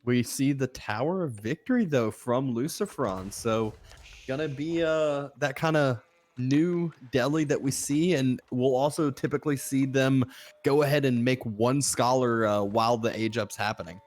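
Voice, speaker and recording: A man's voice: mid-range voice, moderate pace, darkish tone. A man co-casting an esports match, analytical and rambling, with many filler words. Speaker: co-caster. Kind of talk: esports commentary.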